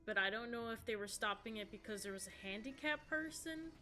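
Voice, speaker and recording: A woman's voice: on the high side, animated, a little fast, bright, forceful tone, faint music behind. A woman in her thirties chatting casually on a live stream, answering viewers in a rambling, chatty way. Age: 30s. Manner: chatty, rambling, reading chat aloud.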